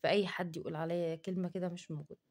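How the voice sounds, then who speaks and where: This cooking vlogger, a woman with an Egyptian Arabic accent, rants indignantly to camera in a relaxed vlog, defending herself. She speaks very fast, with a slightly mellow, somewhat low voice and fairly even intonation.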